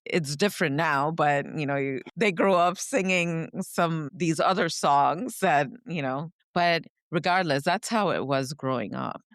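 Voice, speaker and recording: A woman from India, a podcast co-host reflectively recounting her upbringing, often pausing to search for words. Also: low voice, no room sound, studio quality. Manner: reflective, searching for words, frequent "you know". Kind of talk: personal storytelling in conversation.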